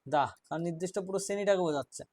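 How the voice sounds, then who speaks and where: A man teaching an English grammar class, explaining rules step by step, quizzing his students and reading example sentences out slowly. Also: high-pitched, a little mellow, no room sound.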